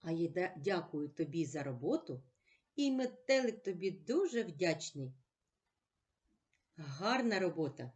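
A woman teacher giving a slow, clear reading lesson to children, stressing each word carefully. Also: fairly low pitch, sing-song, a little mellow.

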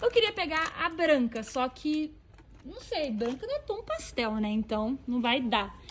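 Amid a noisy background, a woman with a high voice and a Brazilian Portuguese accent browses a stationery store for a shopping vlog. She talks animatedly to her viewers at a moderate pace as she looks around.

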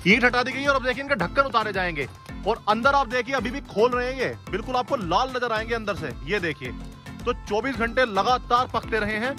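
A man's very high voice, brisk and lively in intonation, carries over background music. He's a food vlogger exploring an outdoor factory, enthusiastically narrating to viewers he calls guys and quizzing the staff.

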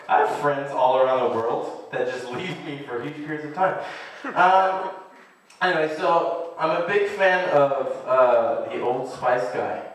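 A man's voice: fairly high pitch, fairly bright tone. A young man doing casual, rambling stand-up comedy on a small club stage. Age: young adult. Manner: rambling, laughs at his own bits. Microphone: handheld stage mic, recorded by distant camera. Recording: echoey club room from far off, audience noise.

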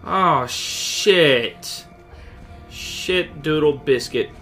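Guy yelling and cussing over a game, slightly high voice, really sharp tone. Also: extremely slow, faint music behind. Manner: joking, profane, loud outbursts. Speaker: gameplay commentator. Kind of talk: let's play commentary.

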